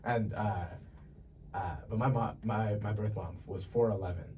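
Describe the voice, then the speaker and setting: A young man from Ethiopia, a podcast guest, sharing his life story in a relaxed, chatty way. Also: fairly low pitch, normal speed. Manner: relaxed and chatty, laughs easily. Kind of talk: casual testimony. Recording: distant mic with faint ambient noise.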